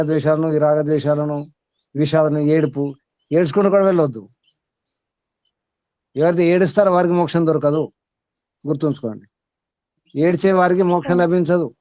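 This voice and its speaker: Higher-voiced man teaching a spiritual discourse. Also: dark tone, no echo. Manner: repeats key words and asks the audience rhetorical questions; chuckles between points. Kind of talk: question-and-answer spiritual discourse. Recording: slightly dull, dry recording.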